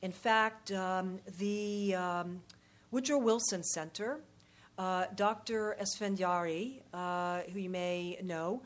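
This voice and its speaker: A woman giving unscripted answers at a public question session in a halting, measured, diplomatic way. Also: medium pitch. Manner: halting, measured, diplomatic, frequent pauses and repeated words. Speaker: panel speaker, policy expert or diplomat.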